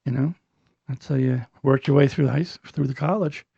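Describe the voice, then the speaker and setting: A man co-hosting a podcast in casual chat, joking and rambling, his voice a little hoarse. He has a mid-range pitch. The sound is dry and slightly dull. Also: fairly quick, warm tone, dry recording. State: clearing throat, losing his voice. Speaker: podcast co-host.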